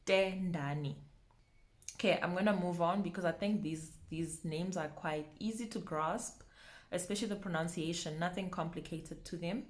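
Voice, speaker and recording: A young woman teaching name pronunciation, saying each word slowly and repeating it, laughing often. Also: on the low side. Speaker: language teacher. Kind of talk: pronunciation lesson.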